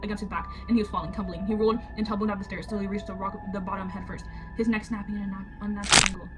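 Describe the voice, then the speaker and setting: Woman, very quick reading, music playing underneath, horror stories, joking asides. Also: medium pitch, flat delivery, rough recording.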